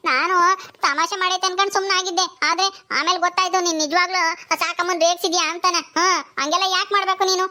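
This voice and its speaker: A woman's voice: extremely high pitch, steady tone, fast, bright, forceful tone. A woman voicing a scolding old village grandmother. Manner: scolding, nagging, rustic village speech.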